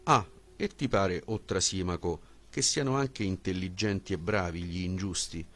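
Deep-voiced male audiobook reader. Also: a bit bright. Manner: measured, questioning delivery. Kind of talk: audiobook reading of a philosophical dialogue.

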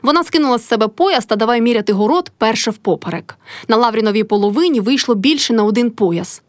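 A woman narrating an audiobook of a classic novel with expressive storytelling. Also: a little high, fast, no room sound.

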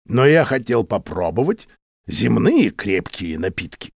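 A cheerful, courteous alien in an audiobook, polite and dignified, his voice swinging widely between high and low, as a male reader puts him on. Dry, close recording. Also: big pitch swings, measured pace, vocal fry, breathy edge, no room sound, exaggerated voice.

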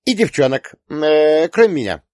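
A man voicing a teasing, bossy teenage daughter in an audiobook, with quick retorts. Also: fairly high pitch, sing-song, a little mellow, no echo, studio quality, pitched above the performer's own voice. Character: teenage girl, sharp-tongued teasing daughter. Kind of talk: audiobook character voice.

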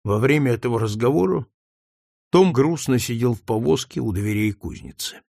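A man narrating a novel aloud in an expressive, measured storytelling manner. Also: medium pitch, gravelly, dry recording, studio quality. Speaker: audiobook narrator. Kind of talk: scripted narration.

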